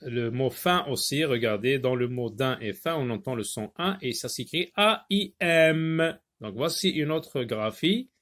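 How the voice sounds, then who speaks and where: A man teaching a French phonics lesson, repeating words slowly and spelling out letters. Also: mid-range voice, expressive, a bit bright. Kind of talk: slow, drawn-out phonics lesson.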